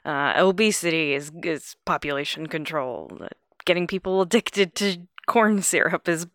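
A woman's voice: sits low, moderate pace, a bit bright, dry recording, studio quality. A woman co-hosting a podcast in a casual, sardonic manner, laughing often. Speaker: podcast co-host. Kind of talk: casual chat.

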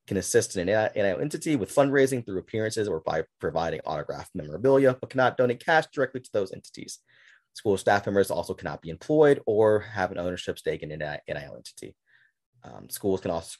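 A man's voice: sits low, darkish tone. A man hosting a casual sports podcast, talking loosely and sarcastically, with frequent restarts. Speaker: podcast host. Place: at home with a game on TV.

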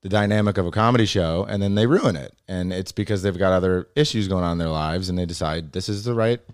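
Fast-talking low-voiced young comic. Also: male voice, dry recording, studio quality. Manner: fast, animated storytelling with acted-out quotes. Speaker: stand-up comic, podcast guest. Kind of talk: casual podcast chat, storytelling.

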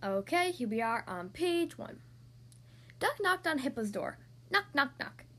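A woman hosting a children's podcast, reading a picture book aloud in an expressive, sing-song way. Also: sits high, a little slow.

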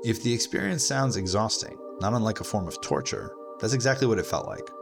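Gravelly low-voiced male narrator. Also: big pitch swings, a little fast, music in the background. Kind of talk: scripted documentary narration.

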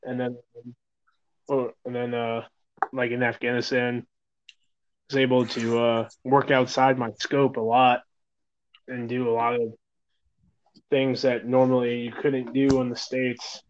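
Rambling, profane medic from New York. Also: male voice, mid-range voice, little pitch movement, measured pace, long pauses. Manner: rambling, profane, many fillers and "man". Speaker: guest, EMS medic. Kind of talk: casual interview talk. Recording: dull lo-fi recording.

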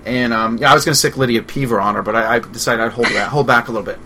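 A man's voice: medium pitch, steady tone, racing, heavy background noise. A man co-hosting a radio show, casually telling a rambling story full of fillers and swearing.

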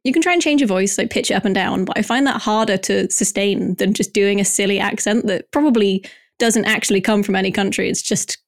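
A woman's voice: medium pitch, fairly quick, no room sound. Young woman, casual podcast chat, giggly, filler-heavy, dry close mic. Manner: chatty, giggly, lots of fillers. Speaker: news segment presenter.

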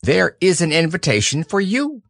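A man's voice: sits high, big pitch swings, moderate pace, gravelly, no room sound, clean studio sound, heavily acted. A man reading a storybook aloud, voicing a fussy, self-important male owl. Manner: fussy, prim and emphatic.

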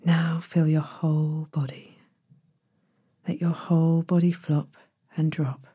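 A woman with a soft, breathy voice that slips toward a whisper, gently guiding a bedtime relaxation in the soothing, unhurried manner of a sleep story narrator. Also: low-pitched, level tone, no echo, lo-fi sound. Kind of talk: guided bedtime body-scan meditation, sleep story narrator delivery.

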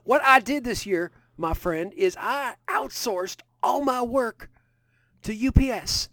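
A man's voice: extremely high pitch, animated, slow pace, a bit bright, no room sound, clean studio sound, full character voice. Man doing a crude Southern Santa Claus. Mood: boastful. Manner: boisterous, folksy, crude and boastful. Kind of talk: improvised comedy character bit.

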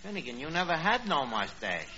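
A male actor with a slightly high, sharp-toned, sing-song voice speaks briskly as a cocky, blustering New York tavern manager in a 1940s radio comedy. He delivers malapropisms with pompous confidence, butchering big words, and the old radio recording is dull and noisy.

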